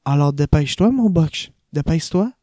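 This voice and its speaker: A man voicing a playful young woman who teases her lover, in a warm, raised voice. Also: fairly high pitch, animated, normal speed, dry recording, studio quality, pitched above the performer's own voice. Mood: teasing.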